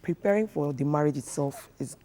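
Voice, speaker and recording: Guy coaching on relationships, kinda high voice but mellow, earnest, lots of ums. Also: fairly quick. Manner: earnest and instructive, with many fillers. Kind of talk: TV studio interview, advice-giving.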